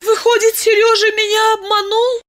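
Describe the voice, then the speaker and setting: A woman voicing a naive young village girl who shouts through her tears in a hysterical rage. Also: very high-pitched, flat delivery, normal speed, soft background music, voice pushed up. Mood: distraught. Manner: shouting, tearful, breaking into sobs.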